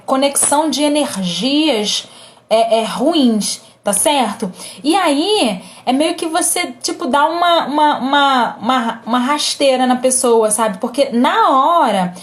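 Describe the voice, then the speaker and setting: A woman with a Brazilian Portuguese accent giving casual advice to her viewers in a gentle, reassuring way, often pausing on fillers and checking that they follow. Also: sits high. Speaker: presenter giving family advice.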